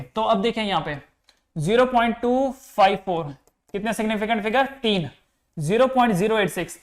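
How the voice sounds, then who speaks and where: Hindi physics teacher quizzing his class. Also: sits high. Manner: explains step by step, asks the students questions; mixes English terms into Hindi. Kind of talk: classroom lecture.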